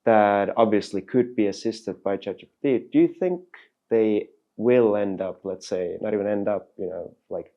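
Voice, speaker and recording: A man's voice: lowish voice, moderate pace, muffled recording. A man hosting a podcast, asking long, rambling, searching questions in casual conversation. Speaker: podcast host. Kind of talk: casual interview.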